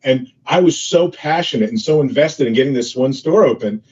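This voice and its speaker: A man's voice: mid-range voice, animated, brisk, a little mellow, husky. A man talking as an interview guest, telling business anecdotes in a loose, filler-heavy way. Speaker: entrepreneur guest. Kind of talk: casual interview storytelling. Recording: dull lo-fi audio.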